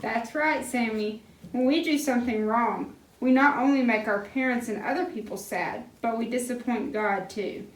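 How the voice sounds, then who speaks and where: Woman playing a gentle grown-up friend, kinda high voice, sounds far from the mic. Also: normal speed, natural voice. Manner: gentle, teaching tone. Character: kind grown-up friend named Rachel. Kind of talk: church puppet skit. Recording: roomy hall, mic far off.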